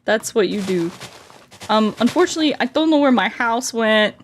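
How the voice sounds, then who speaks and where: Game music runs under this woman's slightly high, expressive voice as she streams gameplay and chats with her audience at a normal speed. She reads out viewer comments playfully, teasing herself, and there's a little background noise.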